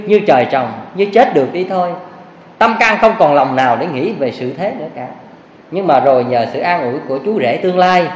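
A man telling a Buddhist moral tale as a preacher. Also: a little high. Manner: animated, emphatic storytelling. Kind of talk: sermon storytelling. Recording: echoey hall, faint hiss.

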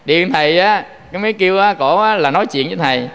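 A man's voice: high voice, quick pace, gravelly, a bit bright, smooth, long reverb tail. A man with a Southern Vietnamese accent giving a Buddhist sermon, telling folksy stories and often turning to address his listeners. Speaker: Buddhist monk preaching.

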